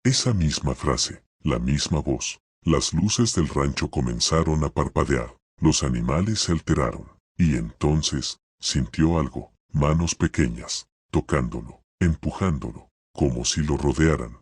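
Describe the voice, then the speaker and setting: A male narrator with an extremely low, husky voice reads a scripted horror tale slowly and steadily. The sound is dry and close, with no room sound.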